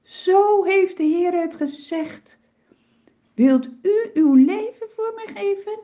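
Solemn gentle male teacher, as a woman storyteller puts him on. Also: very high voice, takes it slowly, highs cut off, pitched above the performer's own voice.

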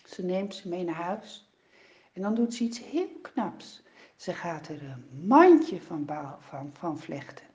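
A woman narrating a children's Bible story in a dramatic, expressive way, with sighs and exclamations, in a dull, lo-fi recording. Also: fairly low pitch, slow.

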